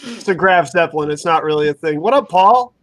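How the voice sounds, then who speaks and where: A man in his early thirties ribs his friends in relaxed, profane banter. His voice sits a little high for a man. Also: a little fast, no echo. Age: 30s. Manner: teasing and profane. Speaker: tabletop gaming group member. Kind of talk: casual chat.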